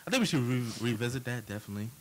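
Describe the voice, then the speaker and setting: A man's voice: mid-range voice, rapid-fire, a little hiss or hum. A man telling stories in a casual group chat, laughing often. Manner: animated storyteller, laughs a lot. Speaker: co-host.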